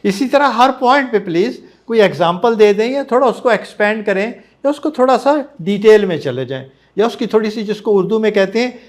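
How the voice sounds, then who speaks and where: ऊँची आवाज़ वाला पाकिस्तानी लहजे का पुरुष प्रशिक्षक. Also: male voice, high-pitched, animated, normal speed, hardly any pauses. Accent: Pakistani. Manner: encouraging, mixes Hindi-Urdu with English. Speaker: trainer. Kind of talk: classroom feedback.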